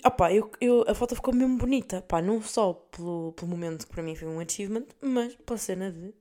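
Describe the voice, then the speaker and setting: Fast-talking young Portuguese woman. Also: medium pitch, warm tone. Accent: European Portuguese. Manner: chatty, swears freely, mixes in English words, laughs at herself. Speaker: podcast host. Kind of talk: casual monologue, storytelling.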